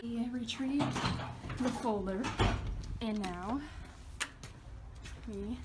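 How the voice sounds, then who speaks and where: A woman's voice: on the high side, extremely slow, heavy background noise. A young woman vlogging casually with the hiccups, chatty and self-mocking. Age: young adult. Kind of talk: casual vlog chat.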